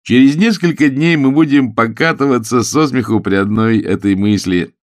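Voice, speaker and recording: A man's voice: mid-range voice, moderate pace, dry recording, clean studio sound, pitched above the performer's own voice, natural voice. A man voicing a self-assured young suitor who speaks glibly and cheerfully, in an audiobook reading. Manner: glib, cheerful, eloquent.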